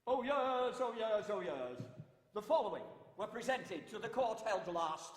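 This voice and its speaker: Pompous town crier played by a man, high-pitched ceremonial proclaiming, echoing hall. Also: expressive, moderate pace, noisy background. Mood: stern, pompous. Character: old-time male town crier bellowing proclamations, pompous and formal. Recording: echoey hall with long reverb.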